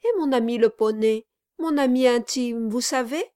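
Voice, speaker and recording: A woman's voice: fairly high pitch, moderate pace, mellow, clear, resonant tone, dry recording, studio quality, voice pushed up, natural voice. A woman voicing an oily, scheming middle-aged male lawyer in an audiobook, speaking in a honeyed, falsely cheerful way. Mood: falsely jovial.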